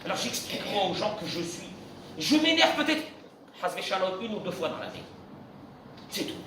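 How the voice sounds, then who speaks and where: A man, a rabbi, preaching a lively sermon, acting out everyday exchanges and breaking into shouts. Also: high-pitched, moderate pace, background noise. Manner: animated, acts out dialogues, bursts into shouts. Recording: echoey room from far off.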